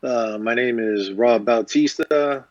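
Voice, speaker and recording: A man's voice: medium pitch, slow, highs cut off. A man born in the Philippines, a respiratory therapist, answering interview questions plainly over a video call.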